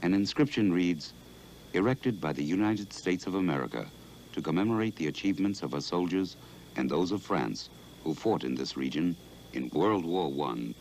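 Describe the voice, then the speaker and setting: Extremely deep male documentary narrator. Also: lively intonation, moderate pace, darkish tone, slight background noise, rough recording. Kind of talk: scripted narration.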